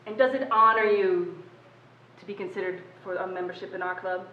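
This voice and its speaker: A woman's voice: medium pitch, fairly even intonation, brisk, phone-quality sound, close to an everyday voice. A woman reading the part of a stern older man recruiting for a club, with intense, solemn delivery, recorded on a distant, echoey mic. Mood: menacing.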